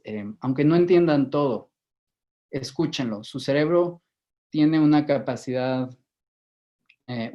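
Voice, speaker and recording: A man with a Mexican Spanish accent giving a measured lecture to a live audience, often repeating words while he thinks. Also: mid-range voice, mellow. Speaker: guest lecturer. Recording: dull lo-fi recording.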